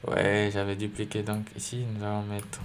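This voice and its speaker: A man's voice: on the low side, completely flat delivery, normal speed, slight background noise. A man teaching a coding lesson, thinking aloud with lots of fillers and self-corrections. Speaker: coding tutorial instructor. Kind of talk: screen-recorded coding lesson. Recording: faint keyboard typing and clicks.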